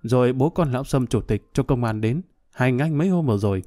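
In a storybook reading, a man with an expressive, medium-pitched, dark voice close to his everyday one plays a drunk, hot-tempered middle-aged man. Speaking fairly quickly and angrily, he blusters through a vengeful rant full of threats of revenge.

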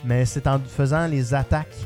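Excited Quebec French man reviewing a game. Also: medium pitch, normal speed, faint music behind. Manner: enthusiastic, heavy fillers. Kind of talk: casual panel chat.

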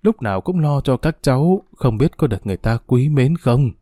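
A man's voice: medium pitch, lively intonation, fairly quick, mellow, no room sound, clean studio sound, close to an everyday voice. A man voicing a frail, sick old grandmother who scolds and grieves between coughs. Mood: gentle.

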